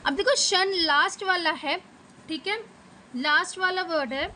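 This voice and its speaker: Unhurried and step-by-step, a Punjabi woman teacher with an Indian English accent and a high, bright voice works through exam preparation, frequently asking "okay". The recording is rough, with faint background noise.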